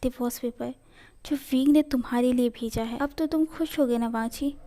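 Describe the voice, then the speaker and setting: A scolding, sarcastic middle-aged mother, as a woman reads her in a fan fiction story. The voice stays high and mellow, close to the reader's own. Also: normal speed, lightly acted. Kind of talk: fan fiction read aloud.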